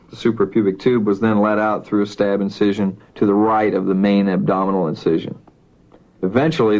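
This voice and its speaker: A man working as a doctor, giving rapid medical dictation in a formal, matter-of-fact manner. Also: lowish voice, darkish tone. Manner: formal, matter-of-fact, reads out punctuation and spellings. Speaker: doctor dictating an operative report. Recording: dull, lo-fi dictation recording.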